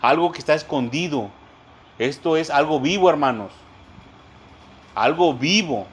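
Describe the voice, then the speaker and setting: Leading a church Bible study, a man speaks with a slightly high, slightly rough voice, animated but in no hurry. He tends to say things more than once and keeps addressing his audience as brothers. He also breaks ideas down word by word and spells out the terms.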